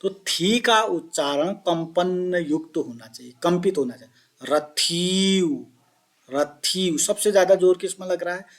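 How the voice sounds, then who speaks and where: A man teaching Sanskrit pronunciation, explaining each point and chanting example words slowly while asking his pupils questions. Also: high voice. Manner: addresses listeners as children. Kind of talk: classroom explanation of Sanskrit phonetics.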